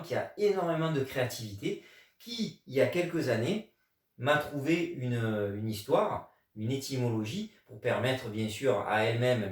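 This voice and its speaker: A man from France, working as a Chinese teacher, leads a video language lesson with patient explanation and emphasis on key words. His medium-pitched voice is far from the mic in an echoey space.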